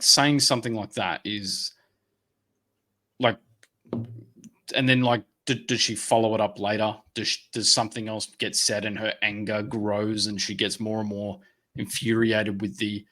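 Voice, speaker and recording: A man's voice: fairly low pitch, bright, forceful tone. A man co-hosting a casual podcast, ranting heatedly and swearing freely. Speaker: podcast co-host.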